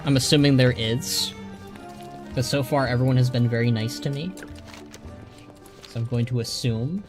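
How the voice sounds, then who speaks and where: A man's voice: mid-range voice, steady tone, normal speed. A man hosting a game livestream, chatting casually and commenting as he plays. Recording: faint music behind.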